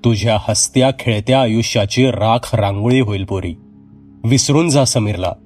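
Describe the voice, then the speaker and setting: A man's voice: fairly low pitch, moderate pace, a little mellow, soft background music, natural voice. A man voicing an older village mother who speaks in a weary, tender way and breaks into alarmed cries.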